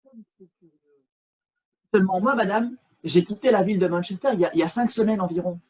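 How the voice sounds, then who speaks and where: A man playing a stiffly polite English gentleman in an absurdist stage scene, speaking in a halting, ceremonious way over a video call. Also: high voice, slightly rough, rough recording. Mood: formal. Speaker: amateur actor.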